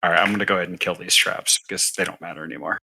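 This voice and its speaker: Brief: male game master, fairly low, very bright sharp tone, matter-of-fact. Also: steady tone, rapid-fire, slightly rough. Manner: matter-of-fact, explains rules and outcomes. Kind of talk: narrating a tabletop game.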